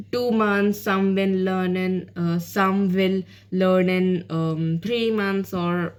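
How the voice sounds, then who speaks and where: A woman with a fairly low, darkish voice and an Indian accent, Hindi being her first language, hosts a channel and offers casual spoken learning tips. She rambles, full of fillers and restarts, drifting back and forth between English and Hindi.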